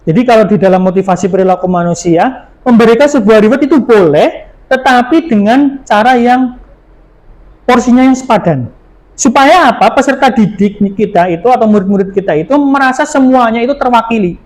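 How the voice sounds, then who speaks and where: A man's voice: very high-pitched, a little fast, darkish tone, rough recording. A man, a teacher, gives a workshop presentation to fellow teachers, explaining at length with frequent fillers and playful asides.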